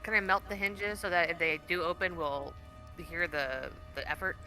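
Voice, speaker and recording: Female game player, slightly low bright voice, casual table talk, music behind. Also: moderate pace.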